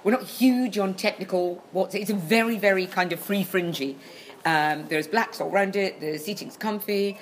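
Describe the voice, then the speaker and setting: Female co-host, mid pitch, emphatic off-the-cuff announcements, echoey bare room with background noise. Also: normal speed. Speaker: co-host and venue owner promoting shows. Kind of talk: casual rambling banter and announcements. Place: small echoey venue behind a charity shop.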